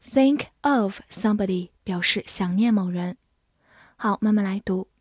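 A woman gives an unhurried vocabulary lesson, spelling each word letter by letter and then reading the examples aloud. Her pace is slow and deliberate. The sound is dry and close, with no room echo at all. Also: medium pitch, breathy edge. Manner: patient, spells words letter by letter and reads slowly. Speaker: English teacher.

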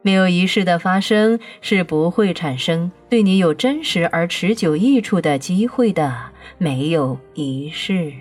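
A woman reading an audiobook, voicing a patient, all-knowing divine voice that explains calmly and insists firmly. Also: fairly low pitch, measured pace, hardly any pauses, faint music behind. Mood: serene.

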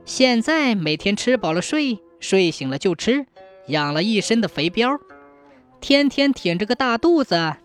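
Lively storyteller narrating a folk tale. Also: medium pitch.

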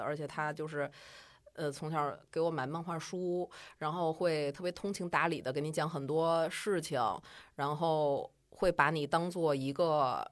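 A woman with a Beijing accent telling a personal story in a chatty, colloquial and animated way. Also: low voice.

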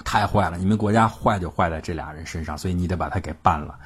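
A man's voice: low-pitched, quick pace, husky. A man telling history stories in a chatty, colloquial way, with frequent filler sounds. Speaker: history storyteller. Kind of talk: casual spoken history storytelling.

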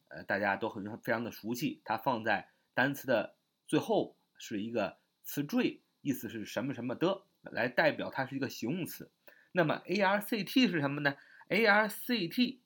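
Male vocab teacher, mid-pitched and animated, repeats and spells every word, tacks "ah" onto his phrases. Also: slightly rough. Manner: spells words letter by letter and repeats them slowly; adds the filler "啊" to the ends of phrases. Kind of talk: spoken vocabulary lesson.

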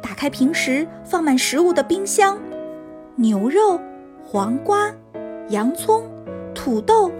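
A woman narrating a scripted children's story in an expressive storytelling manner, as if for young listeners. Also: extremely high pitch.

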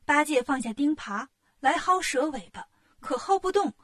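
A woman reading a children's storybook aloud, narrating in a lively, expressive way. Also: high-pitched, normal speed.

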